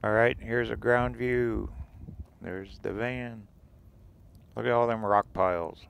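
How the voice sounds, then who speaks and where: An RV-travel vlogger with a mid-range, smooth voice and vocal fry speaks slowly while driving desert roads. He narrates in a loose, relaxed way, pointing out what he sees from inside the vehicle.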